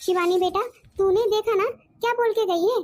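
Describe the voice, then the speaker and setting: A woman's voice: very high-pitched, moderate pace. A woman voicing a stubborn, bitter older mother-in-law in a cartoon, scolding and complaining. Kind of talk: cartoon voice acting.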